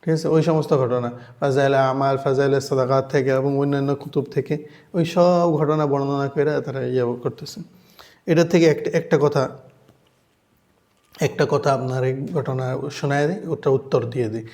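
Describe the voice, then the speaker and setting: A man's voice: medium pitch, fairly even intonation, moderate pace, darkish tone. A man giving a religious lecture, explaining patiently, often asking the listeners "right?" and reciting Arabic phrases. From Bangladesh. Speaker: Islamic lecturer.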